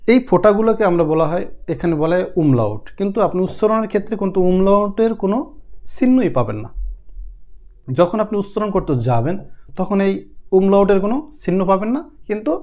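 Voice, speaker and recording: High-voiced man drilling pronunciation. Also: mellow. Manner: repeats each sound several times, drilling pronunciation; loose, rambling explanations with many restarts. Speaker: language teacher. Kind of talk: casual spoken lesson.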